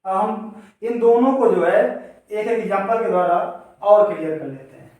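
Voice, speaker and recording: This grammar lesson comes from a male teacher whose voice sits high and a little mellow, moving at a moderate pace. He breaks things down step by step, asks questions only to answer them himself, and addresses the class directly, all captured on a distant mic in an echoey room.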